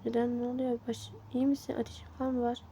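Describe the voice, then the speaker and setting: A woman's voice: a little high, flat delivery, fast, mellow, slight background noise, natural voice. A woman voicing a caring, anxious young husband in a toy-game story role-play. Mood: concerned.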